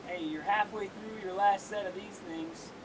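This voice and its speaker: A man's voice: fairly even intonation, normal speed. A young man hosting an outdoor workout, joking and counting down for viewers in a seaside cave. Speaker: workout host. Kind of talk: casual workout coaching. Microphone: camera on tripod at a distance. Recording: noisy outdoor recording with wave rumble.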